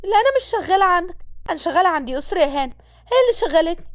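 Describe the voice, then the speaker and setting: A defiant young maid with an Egyptian accent, her voice lifted high and her words tumbling out quickly, as a woman storyteller puts her on. She pleads and protests in a dry, close audio-story sound. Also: animated, no room sound. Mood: indignant.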